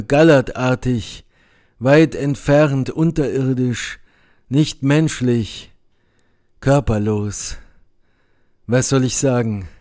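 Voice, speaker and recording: A man reading a horror story as an audiobook in a measured, grave manner. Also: mid-range voice, a little mellow. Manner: slow, measured, grave delivery. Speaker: audiobook reader. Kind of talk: dramatic audiobook narration.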